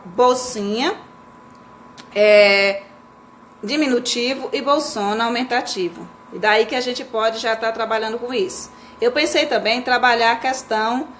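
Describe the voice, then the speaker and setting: A woman's voice: fairly high pitch, a bit bright, slight background noise. A woman teacher talking casually to fellow teachers on a live stream, chatty and full of fillers and self-corrections.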